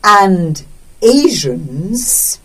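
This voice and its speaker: A woman teacher reading a text aloud as a dictation in deliberate short phrases, speaking the punctuation. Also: medium pitch, very animated, husky, distant mic, poor audio.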